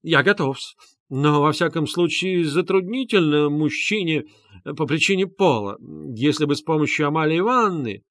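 Guy voicing a fussy pompous gentleman, smarmy and polite, little raised voice. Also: fairly high pitch, lively intonation, moderate pace, no room sound, clean studio sound, voice pushed up. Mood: flustered pompous. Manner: obsequious, sprinkling polite "-s" suffixes. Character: pompous fawning middle-aged gentleman.

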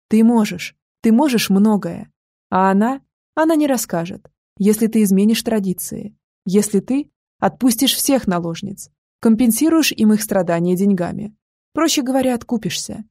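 A woman voicing a grieving mother who pleads softly and earnestly with her grown son, in an audiobook. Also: medium pitch, animated, normal speed, dry recording, studio quality. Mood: pleading.

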